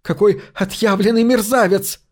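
A man's voice: moderate pace, mellow, breathy edge. A man reading an audiobook, voicing a frightened, angry woman who cries out and demands answers. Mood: disgusted. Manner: shrill, demanding. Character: frightened, furious woman, desperate. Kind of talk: audiobook character voice.

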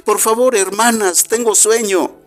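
A man doing a small frightened bee, high and pleading. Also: steady tone, a little slow, soft background music. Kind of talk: radio storytelling.

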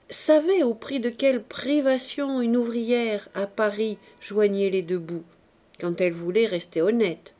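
A woman reading a classic novel aloud as an audiobook narrator, with expressive, measured delivery. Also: medium pitch. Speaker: audiobook reader.

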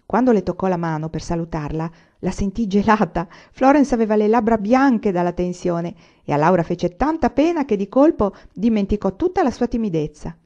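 Woman reader, warm and mellow, steady storytelling, slightly muffled sound. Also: mid-range voice, moderate pace, hardly any pauses. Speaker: audiobook reader. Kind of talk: novel read aloud.

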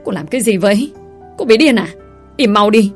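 A woman voicing a haughty, quick-tempered rich young lady who snaps orders. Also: medium pitch, animated, soft background music, lightly acted. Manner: sharp, commanding.

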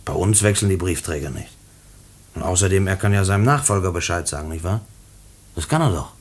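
Low and husky, this actor gives an expressive turn as a condemned prisoner in a German radio play, urgent and pleading. Earnest and stubborn, he speaks haltingly and keeps repeating words.

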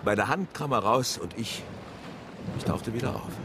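An actor playing a boisterous one-armed English whaling captain in a radio drama, spinning a sea yarn. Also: male voice, medium pitch, normal speed, noisy background, close to an everyday voice. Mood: grim. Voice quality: boisterous seafaring storyteller.

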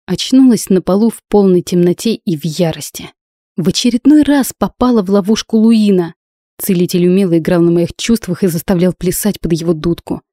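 A woman's voice: fairly low pitch, a little fast, warm tone, no echo. A woman narrating a first-person fantasy audiobook with intense, emotional delivery, recorded close to the mic.

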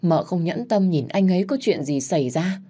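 Tearful pleading ghost lady, a woman doing her, low soft warm voice. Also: lively intonation, moderate pace, breathy edge. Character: gentle grieving dead woman's spirit.

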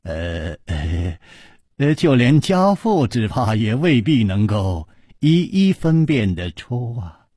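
A man's voice: medium pitch, sing-song, takes it slowly, mellow, slightly rough, no room sound, clean studio sound, full character voice. A man voicing a weary middle-aged scholar who sighs and hesitates with fillers. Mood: troubled.

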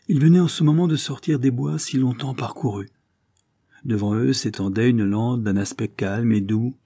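Guy reading an old novel aloud, dark mellow voice, a bit low. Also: slightly rough. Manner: measured literary reading. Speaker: audiobook reader. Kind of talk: scripted narration of a novel.

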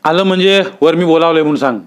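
A man voicing a stern older village landlord who talks gruffly and scolds. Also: fairly high pitch, fast talker, voice pushed up, lightly acted. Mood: commanding.

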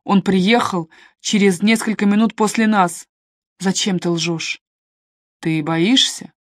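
A woman reading an audiobook, voicing a calm male detective who asks slow, measured questions. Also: mid-range voice, no room sound, studio quality, close to an everyday voice. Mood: stern.

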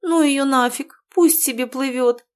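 A woman's voice: sits high, a little slow, pitched above the performer's own voice. A woman voicing a timid young woman who speaks plaintively in an audiobook. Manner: whimpering, plaintive.

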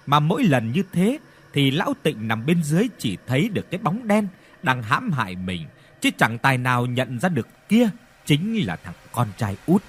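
A man narrating a ghost story in an expressive, dramatic storytelling manner. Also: fairly high pitch, slightly rough.

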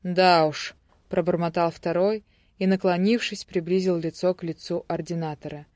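Steady audiobook narrator, dry sound. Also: medium pitch, normal speed, no echo.

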